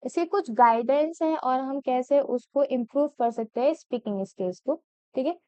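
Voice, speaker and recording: A woman's voice: high voice, moderate pace, warm tone, clear, resonant tone, no echo. A young woman teaching an exam-prep lesson, mixing in English terms and checking in often with her students. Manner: chatty Hindi-English code-switching, checks with frequent "theek hai?".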